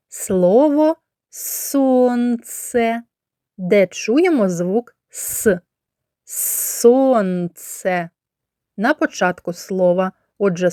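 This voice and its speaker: A kindergarten teacher from Ukraine talks young children through a literacy lesson. She speaks very slowly and stretches out each word. Her mid-pitched voice is recorded dry and close, with no room sound. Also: darkish tone, dry recording. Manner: slow, clear, drawn-out speech for young children.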